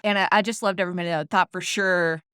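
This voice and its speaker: A woman's voice: fairly low pitch, fairly even intonation, quick pace, a bit bright, clean tone, no echo, studio quality. A woman in her thirties from the United States, a tech founder telling her story as a podcast guest, chatty and self-deprecating with frequent laughs. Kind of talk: casual interview storytelling.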